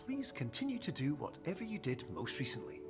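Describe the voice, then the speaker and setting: An actor playing a calm, formal male doctor with an Irish accent, reading out a recorded notice in a video game. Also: medium pitch. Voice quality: formal, measured. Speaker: game character. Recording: game audio with music behind.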